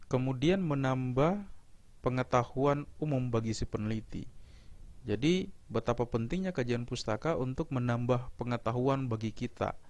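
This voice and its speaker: Man giving a measured lecture, dry sound. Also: medium pitch, a little mellow, no room sound. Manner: measured, explanatory, with occasional fillers and restarts. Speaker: university lecturer. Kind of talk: recorded online lecture.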